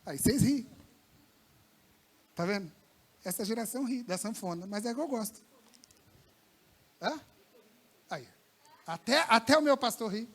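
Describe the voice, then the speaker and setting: A man preaching a lively sermon to young people in a church service, colloquial and slangy, swinging between loud bursts and hushed lines. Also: very high-pitched, unhurried, pauses often, slightly rough. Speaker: pastor. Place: church service with a live congregation.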